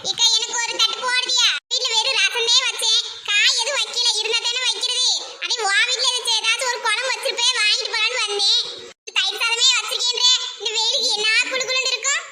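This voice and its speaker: High-pitched quick Tirunelveli woman. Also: little pitch movement. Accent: Tirunelveli Tamil. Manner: teasing, bickering. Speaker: voice actor. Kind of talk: cartoon comedy voice acting. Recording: loud background noise.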